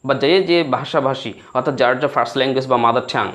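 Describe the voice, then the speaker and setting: A man's voice: medium pitch, quick pace, fairly bright tone. A Bengali-speaking man teaching spoken English, explaining in Bengali and acting out broken English phrases.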